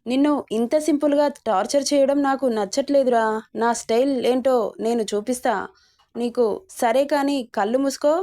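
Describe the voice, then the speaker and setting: A woman's voice: sits high, moderate pace, warm tone, no room sound, studio quality, natural voice. A woman voicing a vengeful young man who taunts and threatens his captive in a read-aloud story. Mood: taunting menace. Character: vengeful young man, hero, cold and menacing.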